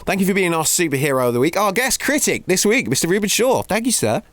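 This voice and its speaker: A man's voice: high voice, sing-song, fast, no room sound. A man co-hosting a film podcast, upbeat as he thanks guests and introduces segments. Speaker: podcast co-host. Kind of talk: casual podcast chat.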